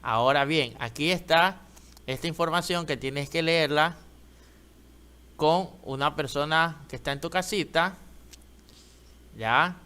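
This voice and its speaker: A man with an Ecuadorian Spanish accent teaching young children to read, speaking slowly and patiently and sounding out words. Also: fairly high pitch, pushed and bright, distant mic. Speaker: primary school teacher. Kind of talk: online reading lesson for young children. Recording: echoey room, voice a little off-mic.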